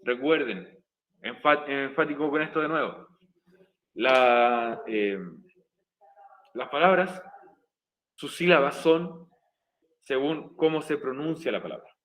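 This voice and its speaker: A man's voice: mid-range voice, expressive, takes it slowly, pauses often, fairly bright tone, rough recording. A male English teacher, patiently explaining grammar step by step in a recorded online class. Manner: patient, repeats and spells out each step.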